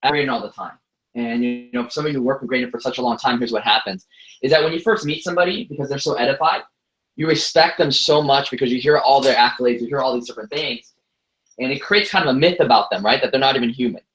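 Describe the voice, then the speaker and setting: Talking fast at medium pitch, this bright-voiced American in his twenties gives a motivational speech to an audience, joking and telling stories at his own expense. The recording carries an echoey room sound.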